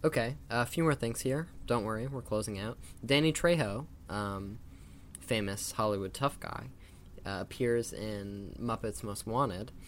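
Low-voiced man hosting a casual podcast. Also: unhurried, slight background noise. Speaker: podcast host. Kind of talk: casual film-trivia commentary.

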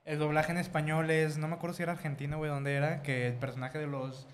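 A man, co-hosting a casual podcast, chiming in with quick, slangy remarks. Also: fairly high pitch, little pitch movement, slight background noise. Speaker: podcast co-host. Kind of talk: casual chat.

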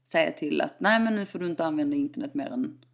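A woman's voice: deep voice, vocal fry. A young woman in casual chat, full of fillers and quoted exchanges. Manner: chatty, frequent fillers, acts out quoted exchanges.

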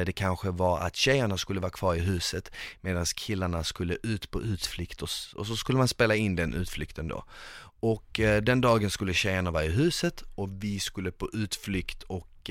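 A man's voice: low-pitched, no room sound, studio quality. A man telling a long story in casual conversation, rambling with lots of fillers. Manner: lively, rambling, with many fillers.

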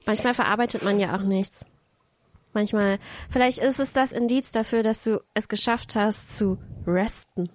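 A woman co-hosting a podcast in casual chat, making calm, deadpan quips. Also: a little high, normal speed, a little hiss or hum. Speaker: podcast co-host.

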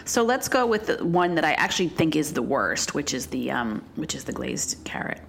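A woman's voice: low voice, very animated, normal speed, creaky, a little hiss or hum. A woman co-hosting a casual chat while taste-testing food, sardonic and crude, talking with her mouth full at times. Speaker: podcast co-host.

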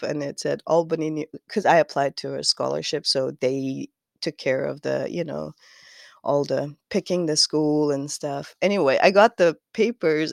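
A woman's voice: sits low, vocal fry, no echo, clean studio sound. A woman from Kazakhstan with a Kazakh accent, chatting as a podcast guest, rambling and laughing often. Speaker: guest knitwear designer. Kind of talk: casual interview chat.

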